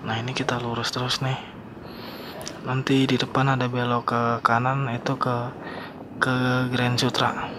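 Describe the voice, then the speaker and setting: A man's voice: medium pitch, unhurried, long pauses. A young man, chatting casually to viewers while riding a motorbike through town, recorded outdoors over traffic. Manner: slangy, relaxed, talks to viewers. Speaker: motovlogger. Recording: traffic and wind noise.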